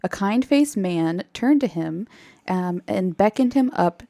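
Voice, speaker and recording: A woman podcast host retelling a story in casual chat, animated and laughing often. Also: mid-range voice, unhurried, vocal fry, no echo.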